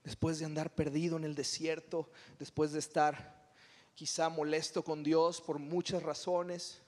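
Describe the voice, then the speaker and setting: Mexican male pastor, high-pitched, animated humorous preacher, recorded in a reverberant church hall. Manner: animated, humorous storytelling with dramatic retellings. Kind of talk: sermon.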